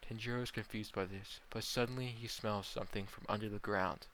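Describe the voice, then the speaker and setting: A young man narrating a fan-fiction story in a plain, slightly halting reading. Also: lowish voice, steady tone, fairly bright tone, slight background noise, poor audio.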